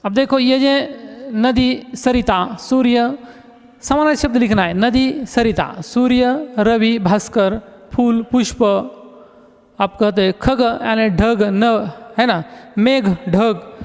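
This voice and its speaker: An extremely high-pitched man teaches a recorded class, taking it slowly in a clean tone. He repeats words patiently while explaining them and keeps using "look," all with echoey room reverb.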